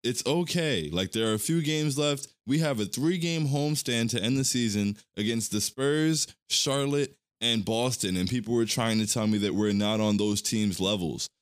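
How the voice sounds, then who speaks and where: A man's voice: mid-range voice, moderate pace, hardly any pauses, smooth, no room sound, clean studio sound. A man co-hosting a podcast, ranting heatedly about other fans and retelling online arguments in casual talk. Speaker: podcast co-host. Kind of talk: casual sports chat.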